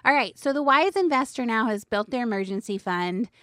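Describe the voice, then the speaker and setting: A woman's voice: on the high side, animated, fairly quick, fairly bright tone, no room sound, studio quality. A woman hosting a financial advice show, explaining things in an informal, conversational way. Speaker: financial radio show host.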